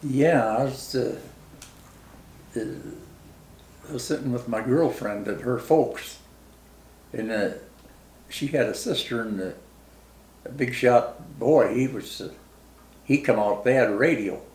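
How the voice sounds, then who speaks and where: A very old man with a rural American Midwestern accent and a gravelly voice, remembering his life as a veteran in a halting, plain-spoken, folksy way during a casual interview. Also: medium pitch, a little mellow, a little hiss or hum. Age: very old, 90s. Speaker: war veteran being interviewed. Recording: roomy, echoing interview recording.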